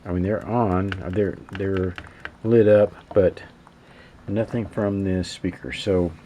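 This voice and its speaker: A man fixing radios as a hobby narrates his work at an indoor workbench, musing to himself with casual hesitation and halting speech. His low-pitched voice is warm and steady, and a little hiss or hum can be heard.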